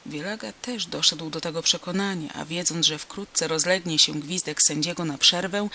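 Expressive audiobook narrator with a bright voice. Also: mid-range voice. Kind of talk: read-aloud novel narration.

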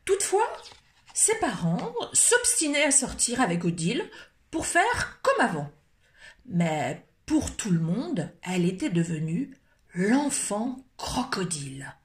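A woman storyteller at a library, reading a picture book aloud with expressive, lively delivery. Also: mid-range voice, unhurried, echoey room.

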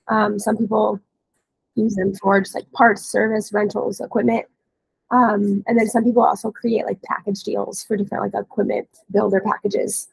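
This woman, a webinar trainer on the dealer support staff, has a hoarse, scratchy, creaky voice at medium pitch because she has a cold. She explains an informal software training walkthrough casually over a headset on a video call from an indoor room. The recording is dry.

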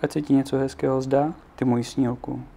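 A gentle, quiet mother in a storybook, speaking softly and tenderly, as a man reads her lines. The voice stays gravelly and mellow, only a touch lifted. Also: mid-range voice, level tone.

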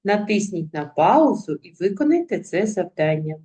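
A woman teacher giving a recorded lesson, speaking deliberately and spelling out word sounds one by one. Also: fairly low pitch, sing-song, dark tone. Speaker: primary school teacher.

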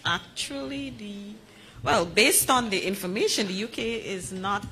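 A woman's voice: mid-range voice, measured pace, bright, forceful tone, slight background noise. A woman answering at a press conference, informal and repeating her points.

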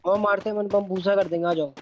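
A man's voice: high-pitched, steady tone, fast, dull audio. A young Indian man playing a shooter game with his squad, giving orders and swearing casually. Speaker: squad teammate. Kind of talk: live gameplay chat. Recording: very noisy with loud gunfire.

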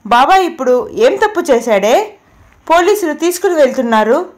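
A woman's voice: high-pitched, big pitch swings, normal speed, pitched above the performer's own voice. A woman reading the part of a small frightened girl asking her mother a question. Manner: innocent, questioning.

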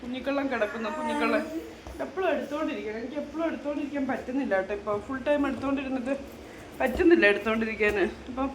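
Fast-talking woman in an echoey home. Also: high voice. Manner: chatty, keeps addressing viewers with friendly asides. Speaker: vlogger and mother. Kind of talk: casual home vlog. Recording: echoey room with faint hum.

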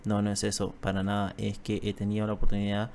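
A guy quietly reading a shy anxious bookworm girl from a game, soft and apologetic, low muted voice, game music playing behind. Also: monotone, fast, vocal fry, slight background noise. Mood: pleading, apologetic. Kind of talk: reading game dialogue aloud.

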